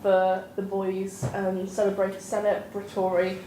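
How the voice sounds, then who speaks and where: A woman's voice: medium pitch, monotone, a little slow, warm tone, a little hiss or hum. A young woman directing a workshop scene, rambling with many fillers, recorded from afar in an echoey room. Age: young adult. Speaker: student director. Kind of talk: casual briefing. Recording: echoey room, far-off camera mic.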